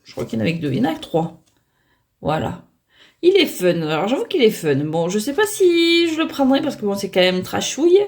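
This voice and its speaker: Chatty woman with a gravelly voice. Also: mid-range voice, very animated, brisk. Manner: chatty, hesitant, many fillers and restarts; self-mocking. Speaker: tarot deck reviewer. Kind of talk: casual unboxing chat.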